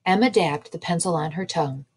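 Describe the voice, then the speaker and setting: Breathy woman reading a picture book aloud. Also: fairly low pitch. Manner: slow, expressive storytelling. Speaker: children's librarian.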